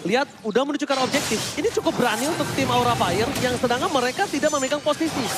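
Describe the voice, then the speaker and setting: An Indonesian man calling an esports match as an excited fighting game announcer, stretching out and belting his big calls. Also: extremely high pitch, rapid-fire. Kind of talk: excited play-by-play esports commentary.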